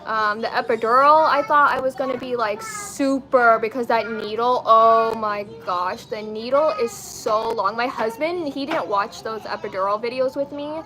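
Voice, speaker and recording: A twenty-nine-year-old beauty and lifestyle streamer chats slangily with viewers while getting ready live, at a moderate pace with hardly any pauses. Her voice is a little high, and the recording is rough.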